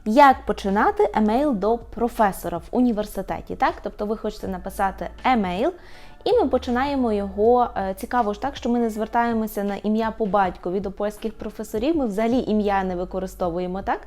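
A woman teaching an online language lesson, patiently saying each word slowly and repeating it for practice. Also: medium pitch, warm tone, soft background music.

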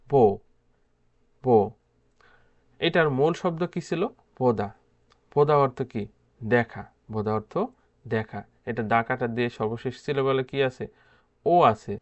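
A male language teacher who goes through a grammar lesson step by step. He asks a question, then answers it and says the word again. His pitch sits in the middle, and the recording sounds a little dull and lo-fi.

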